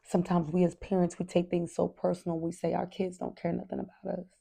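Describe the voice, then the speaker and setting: A woman hosting her own parenting podcast, speaking in an earnest, candid monologue aimed right at her listeners. Her voice sits on the low side with a gravelly edge and a mellow, dark tone. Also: level tone, quick pace. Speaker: podcast host.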